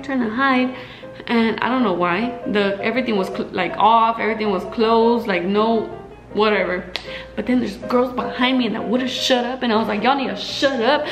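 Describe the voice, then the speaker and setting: A young woman tells her stories in a loose, chatty way, full of fillers, and jumps into the voices of the people she quotes. Her voice sits a little high. She is recorded in an echoey room with faint music behind her. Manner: chatty, animated quoting with frequent fillers. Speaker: vlogger. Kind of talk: casual storytelling.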